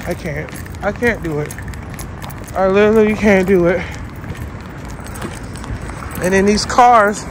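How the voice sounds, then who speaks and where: Over a noisy background, a young woman with a mid-range voice vlogs casually from her car, rambling in a blunt, animated and heavily profane way.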